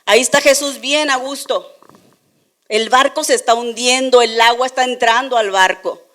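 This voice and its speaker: A woman with a northern Mexican accent tells a Bible story to children in a lively, playful way. Her voice sits fairly high and sounds bright and clear. She keeps asking her listeners questions as she goes. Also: normal speed. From Tijuana, Mexico. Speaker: children's church teacher. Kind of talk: lively Bible lesson sermon.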